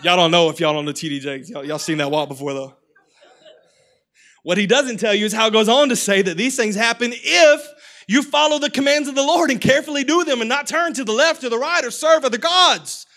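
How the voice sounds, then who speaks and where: A man in his thirties preaching a lively, humorous sermon, calling on the congregation to repeat after him, his voice starting to go hoarse. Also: extremely high pitch, a little fast. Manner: energetic, humorous preaching with crowd call-and-response. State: voice getting hoarse. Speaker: pastor.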